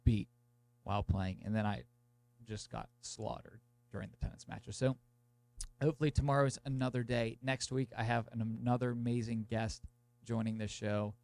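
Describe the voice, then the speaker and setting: Medium in pitch, gravelly and darkish, this young man speaks at normal speed with fairly even intonation. Hosting a podcast while congested, nose blocked and throat sore from a cold, he introduces the episode in a casual, wandering monologue, saying "like" throughout.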